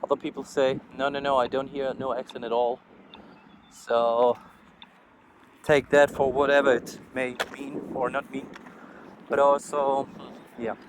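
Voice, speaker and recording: A German-accented vlogger, low on sleep, walks along a street talking into his phone with a flat, medium-pitched voice, a measured pace, and long pauses. His casual rambling is frank, laced with swearing and self-mockery, over a backdrop of traffic noise.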